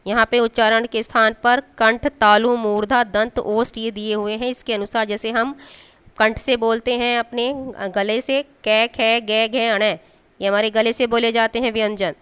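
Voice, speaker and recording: Very clear-voiced woman teacher. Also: on the high side, level tone, normal speed, fairly bright tone. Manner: patient, draws out sounds to demonstrate them; checks in with the class often. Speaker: school teacher. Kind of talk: classroom Hindi grammar lesson.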